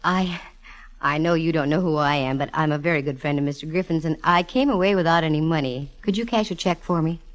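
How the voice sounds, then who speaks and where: A woman with a deep voice talks fairly quickly, lightly acting as the lead in a 1940s radio detective serial. She plays a wisecracking, self-assured female private eye, both acting and narrating in a wry, breezy, dryly humorous way. It's a vintage radio recording with musical backing.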